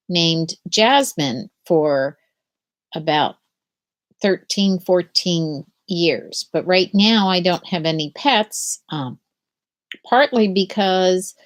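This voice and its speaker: A middle-aged woman with a voice on the low side hosts a live picture-book read-aloud. She chats casually and haltingly with young listeners, gently posing questions to them.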